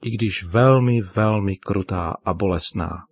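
A man doing a calm, consoling father. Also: sits low, slightly rough. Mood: gentle, consoling. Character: patient, gentle father of a teenager.

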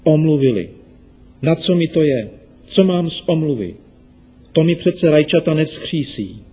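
A man voicing an upset, quick-tempered young boy in a children's radio story. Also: mid-range voice, warm tone, breathy edge, muffled recording. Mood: indignant.

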